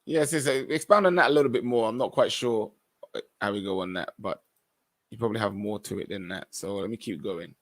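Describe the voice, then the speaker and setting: A podcast host reads out viewer comments and responds with earnest, opinionated takes, sometimes restarting as he reads. His voice is fairly low and his pace fairly quick.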